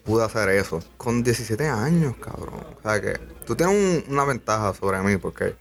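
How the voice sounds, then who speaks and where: Young podcast host, low-pitched, earnest and casual, swears freely. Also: male voice, lively intonation, moderate pace. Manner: earnest, peppers speech with swearing and "papi". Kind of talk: casual conversation.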